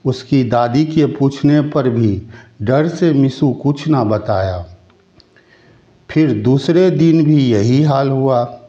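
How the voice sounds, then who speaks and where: A man tells a children's folk tale at a slow, measured pace. His voice is mellow and medium in pitch. The recording sounds slightly dull and lo-fi. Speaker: storyteller.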